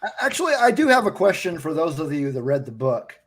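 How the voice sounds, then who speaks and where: A man's voice: a little high, big pitch swings, brisk, over a noisy crowd. A man on a podcast panel, asking careful questions with some fillers. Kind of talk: casual podcast chat.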